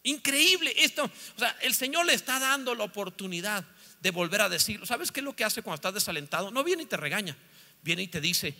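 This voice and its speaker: A pastor, preaching a sermon that swings from joking asides to loud, fervent calls. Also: male voice, sits high, very animated, fast talker. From northern Mexico. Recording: long reverb of a church hall.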